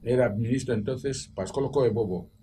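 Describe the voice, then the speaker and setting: Older man telling animated anecdotes, mellow. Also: mid-range voice, normal speed. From Equatorial Guinea. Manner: animated anecdote-teller, acts out quoted voices. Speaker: debate guest, former school director. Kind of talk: roundtable debate. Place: TV studio. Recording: distant mic with faint background noise.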